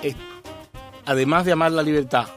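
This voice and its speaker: Un hombre copresentador de un programa de charla, bromista y teatral, con acento cubano. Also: male voice, a little high, fairly even intonation, a little fast, faint music behind. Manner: joking, theatrical, flirtatious. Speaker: co-host. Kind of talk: playful talk show banter.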